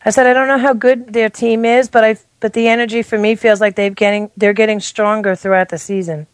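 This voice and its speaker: A woman's voice: a little high, fairly even intonation, fairly quick, no echo. A middle-aged woman chatting casually as a guest, hesitant and self-deprecating, often trailing off mid-thought. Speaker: guest making football picks. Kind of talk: casual chat.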